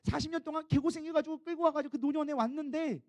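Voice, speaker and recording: A man's voice: very high voice, steady tone, fast, no echo, voice pushed up. A man voicing an exasperated, aging prophet who pleads and complains as part of a sermon.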